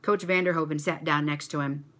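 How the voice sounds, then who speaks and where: A woman reading a children's story aloud to a church kids' club, expressive and animated. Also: sits low, fairly quick.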